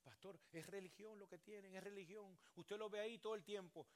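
A man's voice: high voice, steady tone, a little fast. An older man preaching a sermon as a pastor, acting out churchgoers in voices as he talks.

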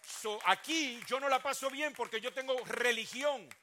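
Here a pastor, an older man whose voice is high and bright, gives a lively, theatrical sermon at a moderate pace. He dips into and out of imitations of churchgoers, alternating loud outbursts with quiet asides. A faint crowd and slight background noise can be heard.

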